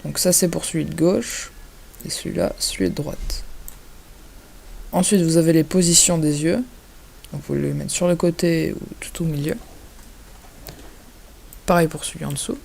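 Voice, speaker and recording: A man giving a casual, hesitant software tutorial over a screen recording, filling his pauses with little interjections. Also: a little high, fairly even intonation, gravelly, a little hiss or hum. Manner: hesitant, chatty, fills pauses with "hop" and "voilà".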